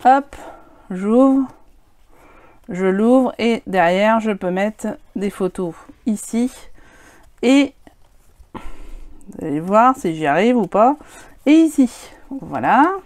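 A woman's voice: mid-range voice, expressive, slow pace, long pauses, a little mellow. A woman presenting her handmade scrapbook albums in a casual, hesitant way, with many fillers and some self-deprecating remarks. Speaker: scrapbooking vlogger. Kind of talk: casual show-and-tell of crafts.

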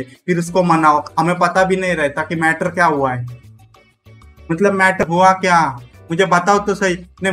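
A man's voice: a little high, fairly bright tone. A man, chatting and joking casually on a live stream, rambling and reading out donations.

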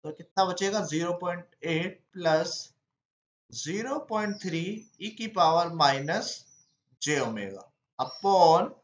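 A man's voice: sits high, roomy sound, muffled recording. A man teaching an exam-prep lesson, walking through each step by asking himself questions and then answering them.

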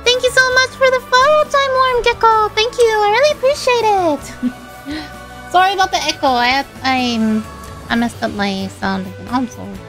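A woman's voice: extremely high pitch, moderate pace, a bit bright, faint music behind. A woman streaming a game and chatting casually, her voice carrying a heavy echo from a broken audio setup, bubbly and giggly.

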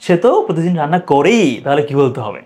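A man teaching English in a video lesson. He repeats example sentences slowly and keeps asking the viewer questions. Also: fairly high pitch, very animated, a little mellow.

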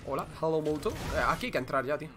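Excitable young gamer, high voice. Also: male voice, quick pace, background noise. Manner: excitable, swears, says "tío" constantly. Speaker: gaming streamer. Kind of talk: casual gameplay commentary.

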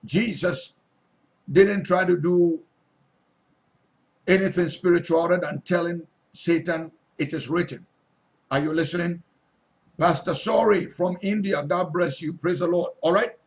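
A man's voice: high voice, steady tone, unhurried, long pauses. A male pastor preaching a sermon, reading Bible verses aloud and then repeating and stressing them, often asking his listeners if they are listening. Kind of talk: sermon teaching scripture.

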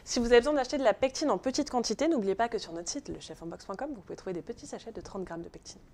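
There's a little hiss or hum behind this woman, a pastry instructor whose fairly high, slightly mellow voice races along expressively. Teaching a live online baking class in a kitchen, she chats, jokes, and keeps asking viewers "ok?".

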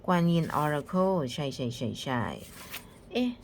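A woman casually reviewing a tarot deck, chatty and soft-spoken, sometimes dropping into a whisper as she handles the cards. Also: fairly low pitch, expressive, slow, slight background noise.

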